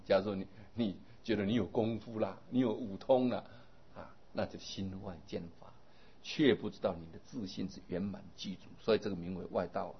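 A man giving a Buddhist dharma sermon, explaining at length and trailing many phrases with a drawn-out particle. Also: on the low side, fairly even intonation, a little hiss or hum. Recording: dull lo-fi recording.

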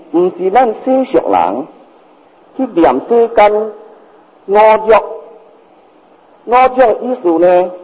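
An older Buddhist master with a Hokkien-influenced Mandarin accent gives a sermon in a high, breathy voice. He repeats his points and explains through rhetorical questions, and the hall recording is reverberant, dull and lo-fi.

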